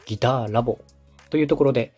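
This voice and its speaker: Speaking fast in a mid-range voice that's darkish and a little rough, this Osaka-born podcast host and radio director walks a beginner through advice step by step. He stays polite, organized and conversational. Faint music plays behind him.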